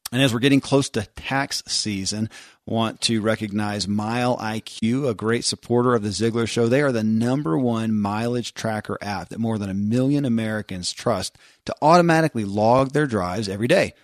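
A man's voice: lowish voice, moderate pace, no echo, studio quality. A man hosting a motivational show, speaking earnestly and emphatically straight to listeners. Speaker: podcast host.

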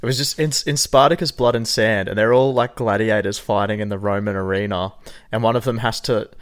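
A man's voice: lowish voice, fairly quick. A young man co-hosting a podcast, chatting casually and laughing often as he tells stories. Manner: animated, laughs often, jokey. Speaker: podcast co-host. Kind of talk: casual chat.

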